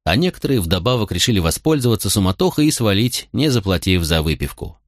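A male audiobook narrator with a low voice that moves animatedly through the story. The delivery is expressive and scripted, and the recording is close and dry, with no room sound. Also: fast talker, no echo.

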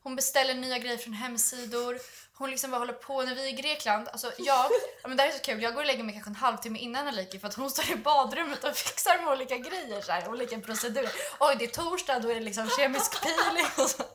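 A woman co-hosting a podcast, gushing and animated as she tells stories, with casual swearing. Her voice is bright and fairly high. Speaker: podcast co-host. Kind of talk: casual chat.

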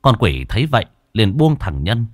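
A man narrating a horror story in a dramatic, drawn-out storytelling manner. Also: lowish voice, very animated, no room sound, studio quality.

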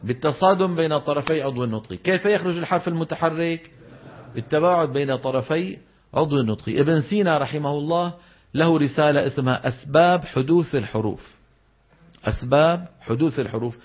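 Levantine man teaching in a dull recording. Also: on the high side. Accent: Levantine Arabic. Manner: asks the class rhetorical questions and demonstrates sounds aloud. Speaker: Quran recitation teacher. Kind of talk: classroom lecture.

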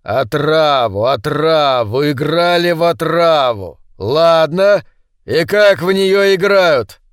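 A man's voice: on the high side, animated, slow, smooth, no echo, clean studio sound. A man voicing a stern, sarcastic male schoolteacher who talks in a sneering, commanding way.

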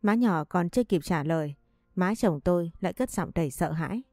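A woman tells a family drama story in an even, steady narrating voice. Her tone sits low and warm, recorded dry and close to the mic. Faint music plays under her. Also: fairly quick, dry recording.

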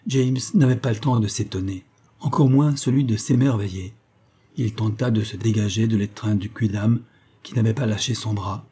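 A man narrating a literary adventure novel in a measured, dramatic storytelling manner. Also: fairly low pitch, steady tone, dark tone, slightly rough. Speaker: audiobook narrator.

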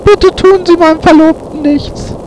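A man voicing a desperate, pregnant young woman in a high, tearful falsetto, in an audiobook reading. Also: fairly even intonation, normal speed, a little mellow, slight background noise. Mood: sobbing pleas.

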